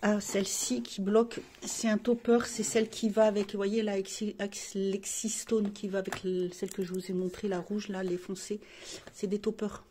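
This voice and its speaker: Woman beauty vlogger, casual rambling talk, mid-pitched voice, faint hiss behind. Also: little pitch movement, normal speed, mellow. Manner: chatty, rambling, frequent restarts and fillers. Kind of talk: casual chat showing makeup palettes.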